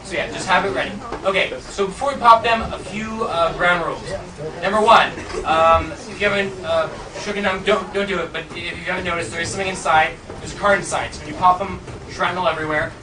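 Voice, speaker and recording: A high-pitched man performs jokey theatrical magician patter for a live audience. His voice carries across an echoey room, picked up from far off. He talks like a showman running a trick with volunteers, with loud noise over the recording. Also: steady tone, quick pace. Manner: jokey, chuckles at own jokes. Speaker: stage magician.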